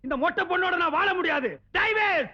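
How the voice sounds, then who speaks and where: A blustering, threatening husband, with a very high, sharp, piercing voice. He hurls insults and threats at full tilt. The old film soundtrack sounds dull. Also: brisk, exaggerated voice. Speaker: angry husband. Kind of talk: 1990s film comedy dialogue.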